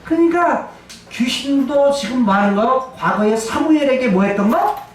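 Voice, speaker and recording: In a church sanctuary, a male pastor preaches an emphatic sermon, asking and answering his own questions. His animated voice is extremely high-pitched at normal speed, captured by a distant mic in an echoey hall with a little hiss or hum.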